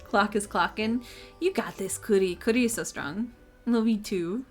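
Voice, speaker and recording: A woman's voice: medium pitch, normal speed. A woman live-streaming a game with casual commentary in a cute, bubbly, giggly manner. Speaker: variety streamer and VTuber. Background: game music.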